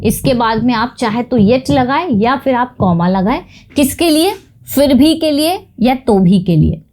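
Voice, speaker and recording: Lady teacher doing a grammar lesson, high-ish voice that jumps around a lot, reads the examples out real slow. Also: a little mellow. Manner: explains slowly, reads English examples out word by word; checks in with listeners often. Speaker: English teacher.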